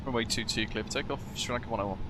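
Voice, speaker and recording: A man reading back clearances over a cockpit headset as a flight sim pilot, in clipped aviation phraseology. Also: medium pitch, rapid-fire. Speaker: flight sim pilot on an online air traffic network. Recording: loud steady background hum.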